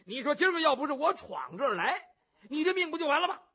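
A male storyteller voicing a brash, boisterous young warrior who shouts and blusters. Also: extremely high pitch, very animated, quick pace, pitched above the performer's own voice, full character voice. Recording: muffled lo-fi recording.

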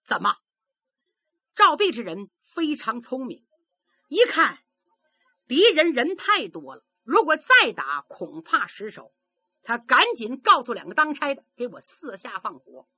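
A woman's voice: high-pitched, wildly swooping pitch, a little slow, pauses often, sharp tone, breathy edge, no room sound, lo-fi sound. A woman telling a traditional story vividly, acting out sound effects with her voice.

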